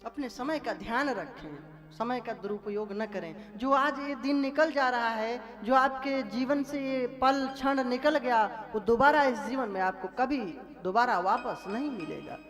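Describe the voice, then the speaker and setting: A male storyteller giving a devotional sermon, folksy and lively, asking the audience questions as he tells a scripture story. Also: very high-pitched, a little slow, hardly any pauses, soft background music.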